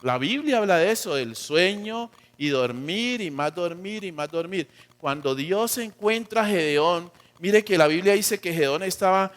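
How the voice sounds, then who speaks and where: A Colombian-accented man with a high voice preaches a sermon as a pastor, swinging from loud, emphatic lines to quiet, trailing endings. He acts out the voices he quotes, both God's and those of church members.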